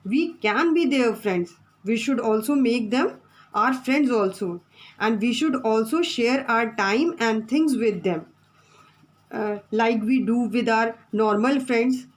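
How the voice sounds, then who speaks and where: A woman's voice: on the high side, slow pace, rough recording. A woman teacher, giving a classroom lesson from the textbook, repeating her points and spelling out words.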